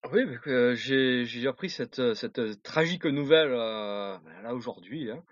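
A man co-hosting a casual talk show, speaking in halting bursts full of filler pauses and restarts. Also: medium pitch, no room sound, lo-fi sound. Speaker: co-host of an online talk show. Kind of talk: casual chat.

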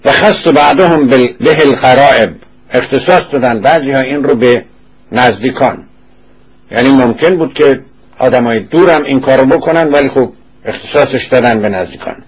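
A man's voice: mid-range voice, slightly rough, rough recording. A man giving an informal lecture. He reads old passages aloud and then explains them in casual, conversational speech, repeating words to get the pronunciation right.

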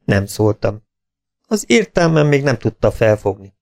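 A man narrating an audiobook in a calm, even storytelling manner. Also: lowish voice, vocal fry.

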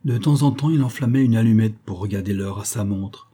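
Lecteur masculin, roman classique, voix sombre, lecture expressive et mesurée. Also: male voice, lowish voice, breathy edge. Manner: measured, expressive literary reading. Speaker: narrator. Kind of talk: audiobook reading of a classic novel.

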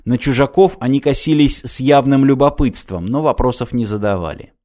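A man reading a science fiction audiobook in a steady, measured narration. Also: mid-range voice. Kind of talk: scripted narration.

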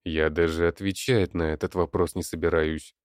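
A man's voice: deep voice, little pitch movement, normal speed, in a large hall, natural voice. A man voicing a firm middle-aged former soldier in an audiobook, clipped and decisive.

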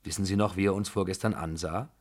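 A man's voice: sits low, fairly even intonation, fast talker. A man voicing a proud, scornful young woman who gives cold, mocking commands, read in an audiobook. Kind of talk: audiobook dialogue.

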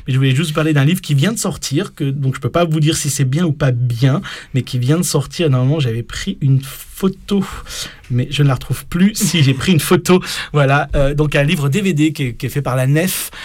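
A man's voice: on the high side, a little fast, a little mellow. A man hosting a radio show, chatting casually with many fillers and restarts.

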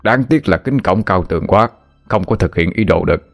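A man's voice: low-pitched, fairly quick, close to an everyday voice. A man voicing a crude, jovial middle-aged uncle who teases mockingly. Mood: teasing. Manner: mocking, teasing banter. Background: faint background music.

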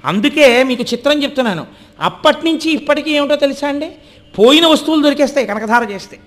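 A middle-aged man giving a devotional storytelling discourse, animated and speaking straight to his listeners. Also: very high-pitched, quick pace. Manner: animated, addresses listeners directly, acts out voices and chants Sanskrit verses.

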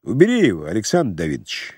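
A man voicing a cool, contemptuous zoologist who speaks calmly and mockingly. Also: fairly low pitch, fast talker, slightly rough, no echo, clean studio sound, voice pushed down, heavily acted. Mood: cold disdain. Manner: calm, cutting, mocking.

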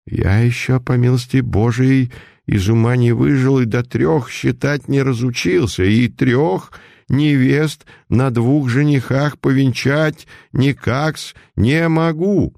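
A man's voice: medium pitch, slow, creaky, a little mellow, no echo, clean studio sound, pitched above the performer's own voice. A man voicing an elderly, frightened priest who stammers and speaks with deferential, trembling politeness. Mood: trembling confusion.

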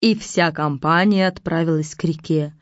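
Low-voiced woman telling a fairy tale. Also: moderate pace. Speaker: storyteller. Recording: dull lo-fi recording.

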